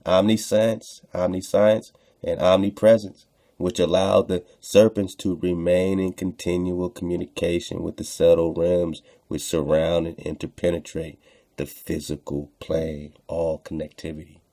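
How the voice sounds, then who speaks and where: A man on online radio reads texts out and remarks on them casually, repeating phrases to stress them and using slang with his listeners. His mellow voice sits low, delivered flatly and a little slowly.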